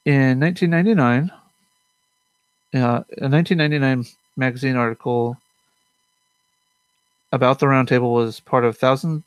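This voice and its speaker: A man's voice: mid-range voice, dry recording. A young man hosting a casual politics show from his room at home, rambling with fillers and self-corrections. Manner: mutters to himself. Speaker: host of a politics commentary show.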